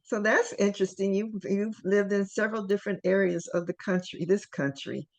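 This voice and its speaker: A woman's voice: medium pitch, fairly even intonation, moderate pace, a little mellow. A woman from Ohio hosting an interview, affirming her guest and laughing along. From Dayton, Ohio. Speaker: host.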